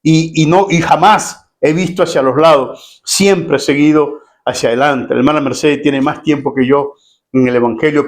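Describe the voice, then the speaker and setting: A middle-aged pastor preaches to his church in a relaxed, conversational way. He acts out the voices he quotes and turns to the congregation with questions. His voice sits a bit high for a man. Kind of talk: sermon.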